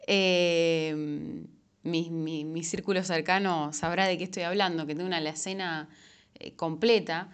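A woman's voice: on the low side, a little slow, clear, resonant tone. Chatty Rioplatense woman giving advice. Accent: Rioplatense Spanish. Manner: chatty, animated, frequent fillers and self-corrections. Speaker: self-help vlogger. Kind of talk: casual advice monologue.

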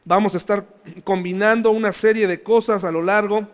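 A man's voice: high-pitched, fairly even intonation, fairly quick. A male pastor giving a conversational sermon, often putting questions to his congregation. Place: church. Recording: long church reverb.

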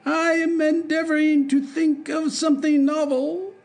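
A man's voice: level tone, measured pace, creaky, a little mellow, soft background music, exaggerated voice. A man doing a frightened dwarf jester. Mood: bewildered. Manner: high, strained, bewildered. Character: small, frightened male court jester dwarf.

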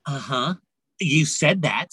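Teen cheerleader, played by a woman: sulky, sarcastic, unhurried, dry studio sound, comic audio drama. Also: deep voice, lively intonation, fairly bright tone, husky, no room sound, full character voice. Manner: hesitant then sarcastic, drawn-out. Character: snarky, sulky teenage cheerleader girl. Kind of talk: comedic radio-play acting.

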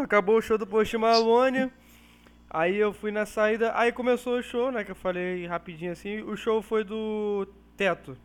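A man's voice: high-pitched, smooth. A man with a Rio de Janeiro accent, telling a story to friends in casual, slangy chat. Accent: Rio de Janeiro Portuguese. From Rio de Janeiro, Brazil. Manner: animated, slangy, laughs through his story. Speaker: podcast co-host.

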